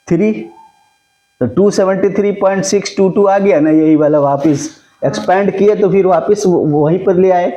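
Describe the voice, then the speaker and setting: A man's voice: sits high, warm tone, dull audio. A man teaching a maths lesson, often checking that his students follow along. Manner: mixes Hindi with English terms. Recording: echoey room.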